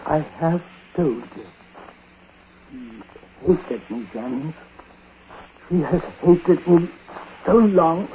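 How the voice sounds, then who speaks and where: An actor playing a dying, superstitious old uncle in a 1940s radio drama, speaking haltingly in short, weighty phrases. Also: male voice, fairly high pitch. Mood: weary confession. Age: older. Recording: muffled, noisy 1940s radio recording.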